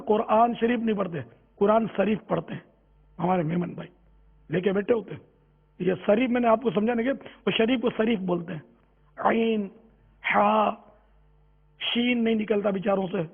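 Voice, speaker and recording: A man preaching with a high, gravelly and husky voice. He urges his listeners on and sometimes slows down to draw out each word of a phrase he is demonstrating. The sound is tinny and narrow, like a phone line. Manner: exhorting, slowly drawn-out demonstration of Arabic phrases. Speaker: religious teacher. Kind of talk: religious talk on Quran recitation.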